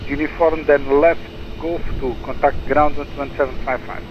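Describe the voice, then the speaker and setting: Male air traffic controller on radio, monotone and procedural, clear aircraft noise behind. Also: fairly high pitch, normal speed, muffled recording. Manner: clipped, procedural. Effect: aviation radio transmission. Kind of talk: issuing clearances over aviation radio.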